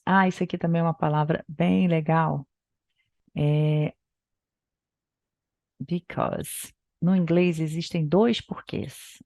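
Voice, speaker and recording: A Brazilian woman, a native Portuguese speaker, teaching English by reading a book aloud and explaining it in Portuguese, with slow, careful pronunciation drills. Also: deep voice, gravelly, darkish tone, no room sound, clean studio sound.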